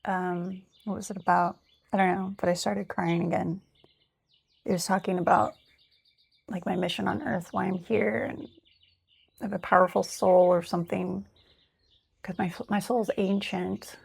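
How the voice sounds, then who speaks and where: A woman's voice: fairly low pitch, flat delivery, normal speed, gravelly, long pauses, breathy edge. A woman talking casually and candidly, reading from her notes and thinking aloud, with lots of fillers and some swearing. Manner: candid, rambling, swears freely.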